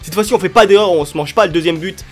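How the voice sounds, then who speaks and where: A young man giving excitable, chatty commentary over his football video game matches, cheering at goals. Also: high voice, very fast. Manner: excitable, cheers and shouts at plays. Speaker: gaming YouTuber. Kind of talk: live gameplay commentary. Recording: light music underneath.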